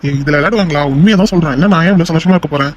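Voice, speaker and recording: A young man voicing excitable young men in a homemade cartoon, loud and teasing. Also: on the high side, very fast, a little hiss or hum, natural voice. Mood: relieved chatter. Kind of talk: amateur cartoon voice acting.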